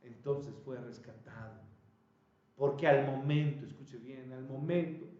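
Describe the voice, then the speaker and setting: A man preaching a sermon, animated, calling out questions to his congregation. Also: medium pitch, unhurried, echoey room, muffled recording. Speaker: pastor. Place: church.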